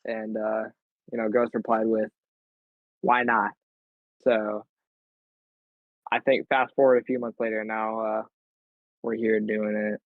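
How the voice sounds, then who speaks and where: A man's voice: fairly low pitch, flat delivery, a little slow, pauses often, dry recording, phone-quality sound. A man co-hosting a casual podcast, telling rambling stories full of swearing. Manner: crude, profane, rambling storyteller. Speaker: podcast co-host.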